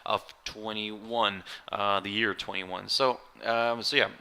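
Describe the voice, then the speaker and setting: A man walks viewers through market charts on a live webinar, his fairly low voice gravelly and slightly hoarse. His tone is sharp and bright, and he talks casually, full of fillers and restarts. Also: little pitch movement, takes it slowly, slight background noise. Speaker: market analyst hosting a webinar.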